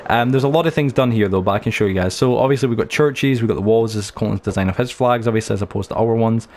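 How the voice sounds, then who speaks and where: A young man talks quickly through a let's-play tour of his game world. His voice sits low, and he rambles from story to story with plenty of fillers and restarts. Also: a little mellow. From United Kingdom. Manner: chatty, anecdotal, many fillers and restarts. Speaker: gaming channel host.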